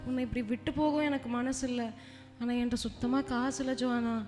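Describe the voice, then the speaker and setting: A woman doing a careless, boastful young husband in a church stage skit, loud and exclaiming. The voice sits high, and a long hall echo hangs behind it. Soft music runs underneath. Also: fairly even intonation, brisk, lightly acted. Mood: despairing. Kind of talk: amateur church skit acting. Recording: echoey hall with background music.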